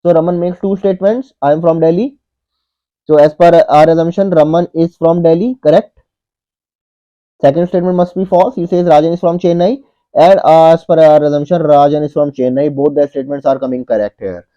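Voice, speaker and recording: Male tutor, 30s, slightly high voice, methodical step-by-step walkthrough, dull lo-fi webcam audio. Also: fairly even intonation, a little fast, dark tone. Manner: methodical, repeats each step and says "okay" often. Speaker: online tutor. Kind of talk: whiteboard puzzle walkthrough.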